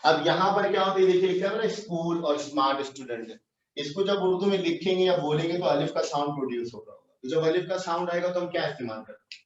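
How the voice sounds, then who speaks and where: A man's voice: on the high side, quick pace. Man teaching a class, echoing from afar. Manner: coaxing questions to students. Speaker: English teacher. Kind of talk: classroom lecture, mixing English phrases into Urdu. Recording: dull, roomy, distant online class audio.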